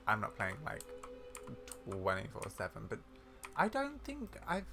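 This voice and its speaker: A gaming video creator with a bright, forceful, mid-range voice rambles through casual let's play commentary, thinking aloud in a confused way and sometimes reading quest dialogue aloud. Faint background noise and keyboard typing can be heard.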